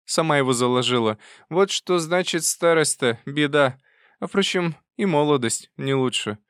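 A brisk, bossy old aunt, put on by a male reader in a storybook reading. She talks high and loud in a fussy, chiding way. The close, dry audiobook sound carries little room. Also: lively intonation, clear, resonant tone, no room sound.

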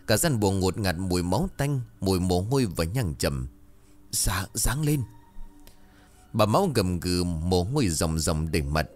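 A man narrating a horror story in a dramatic, lively storytelling manner. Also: low voice, moderate pace, hardly any pauses, faint music behind.

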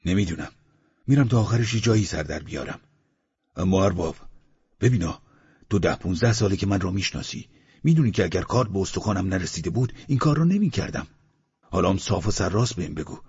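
A male audiobook narrator voicing a desperate, burly grown man on the run, pleading and remorseful, in a deep, husky voice on a slightly muffled recording. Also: animated, a little mellow, full character voice. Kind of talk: audiobook character voice.

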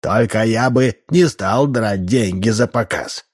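A man's voice: fairly low pitch, slow, breathy edge. A man voicing a drunk, boastful old troublemaker with a tipsy tenor voice. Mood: drunken bragging. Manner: slurred, boastful, belligerent.

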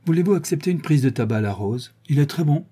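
A man voicing a kindly, fussy old country gentleman in a read-aloud novel. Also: a little high, animated, fast talker, husky, voice pushed up. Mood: cordial.

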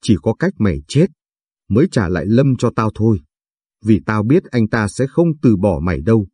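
A scheming, jealous woman kidnapper in an audio story, read by a man. She is harsh and contemptuous, with a low, dark, husky voice in a dry, close sound. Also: sing-song, normal speed, no room sound. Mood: threatening.

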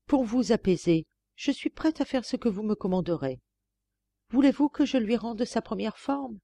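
A woman reading aloud plays a sorceress queen from an old tale, by turns wailing, pleading and commanding. The voice climbs higher than the narration, its tone mellow and soft-edged, set in a dry, close recording. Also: lively intonation, moderate pace, creaky, no room sound. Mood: eager. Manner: impassioned, theatrical lamenting. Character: passionate, cruel sorceress queen pleading with her lover. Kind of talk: audiobook reading of a classic tale.

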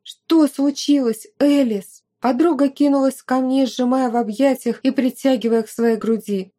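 A woman reads a novel aloud in the first person, in a mellow, warm voice. Her voice sits a little high for a woman. The delivery is steady and measured, as in scripted narration. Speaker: audiobook narrator.

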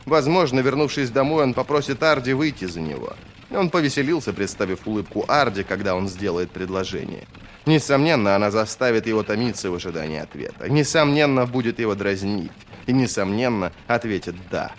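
Low-voiced male audiobook narrator. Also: a little fast, a little hiss or hum. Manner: steady, expressive reading. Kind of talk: scripted narration of a fantasy novel.

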